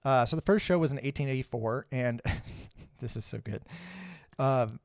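A man's voice: mid-range voice, normal speed, gravelly, a little mellow, no room sound, studio quality. Laid-back man chatting on a podcast. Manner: laid-back, laughs often, swears casually. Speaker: podcast co-host. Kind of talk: casual podcast chat.

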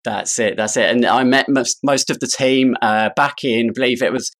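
Man hosting a podcast, mid-pitched. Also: fairly even intonation, normal speed, fairly bright tone. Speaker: podcast host. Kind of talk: scripted introduction and interview hosting.

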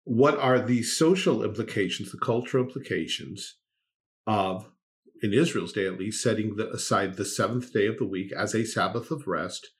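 A man's voice: lowish voice, moderate pace. A man co-hosting a podcast in casual discussion, with dry sarcasm, frequent laughter and sentence restarts. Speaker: podcast co-host.

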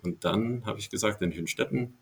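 A man's voice: lowish voice, moderate pace, gravelly. An older man from Ohio, a native English speaker with an American accent, talking hesitantly as a podcast guest with many fillers. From Ohio, USA. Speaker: podcast guest, baseball veteran. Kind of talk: casual interview talk.

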